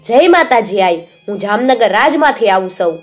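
A woman's voice: mid-range voice, expressive, moderate pace, soft background music, close to an everyday voice. Woman voicing a deferential, nervous male messenger. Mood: respectful.

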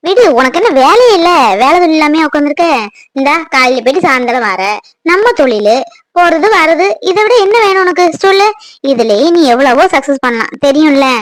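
A woman's voice: high-pitched, dry recording. A woman acting a wife in a family drama, talking at length in an earnest, reassuring way.

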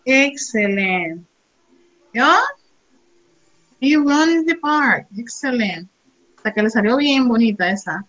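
High, bright-voiced encouraging woman teacher. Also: expressive, takes it slowly, long pauses, poor audio. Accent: Panamanian Spanish. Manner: encouraging, praising, mixes Spanish and English. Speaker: English teacher. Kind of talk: online class, coaching students.

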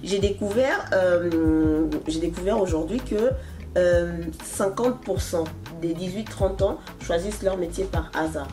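A young woman hosting a casual interview, chatty and quick to laugh, seated in a bright room. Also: on the low side, music in the background. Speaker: host.

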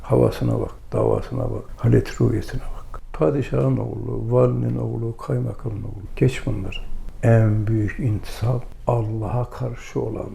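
A man's voice: mid-range voice, normal speed, creaky, dark tone. An older man giving a religious lesson, telling stories and acting out dialogue with emphatic exclamations. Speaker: religious lecturer.

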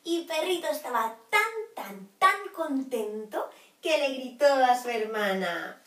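A woman teacher telling a children's story, animated, dropping to hushed whispers and breaking into sudden exclamations. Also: high voice, takes it slowly. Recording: roomy echo, from far off.

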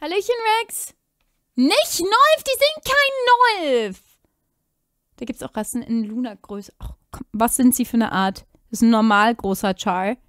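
A woman streamer talks through a live clip reaction with a high, bright-pitched voice. She is chatty and excitable and throws in English exclamations. The sound is dry and close, with no room around it. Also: unhurried, no room sound.

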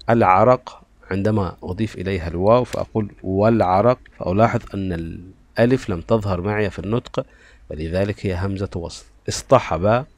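Low-voiced guy teaching kids spelling, says each word slowly twice, dry close sound. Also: darkish tone, no echo. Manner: slow and repetitive, sounding out words. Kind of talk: explaining a spelling lesson to children.

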